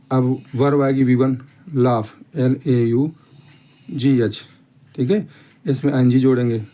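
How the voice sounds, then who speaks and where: A man's voice: medium pitch, dark tone. A man teaching a grammar lesson step by step, repeating each point and checking in often with the class. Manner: slow, repetitive explaining with frequent "theek hai" check-ins.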